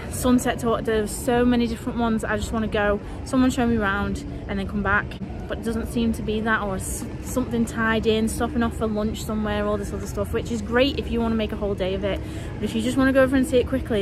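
A woman's voice: a little high, steady tone, fast talker, hardly any pauses, over music. A woman chatting casually as a travel vlogger while walking a city waterfront, rambling and full of fillers. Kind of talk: casual travel vlog narration.

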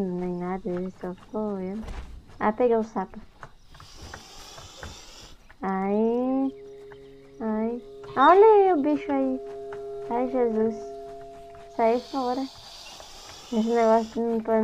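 A woman's voice: on the high side, a little mellow. A young woman with a Brazilian Portuguese accent giving casual, chatty let's-play commentary, easily startled and talking to the game. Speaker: gaming YouTuber. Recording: dull lo-fi sound with game music behind.

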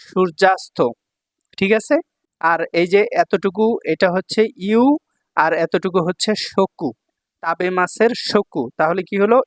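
A high-voiced man from Bangladesh teaches Japanese, explaining kanji readings in a lesson. He repeats the readings and often checks in with "okay?", with no room sound in the recording.

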